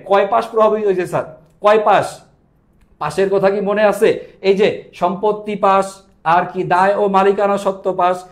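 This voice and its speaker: A young male accounting teacher runs a live online class with a high, light voice. He fires questions at his students and answers them himself in a quick, drilling rhythm.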